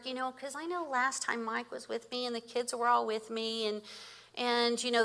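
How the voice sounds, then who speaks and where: A woman, preaching as a guest speaker and telling stories with frequent laughter. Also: medium pitch. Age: 50s. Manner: animated storytelling with laughter. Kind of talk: sermon.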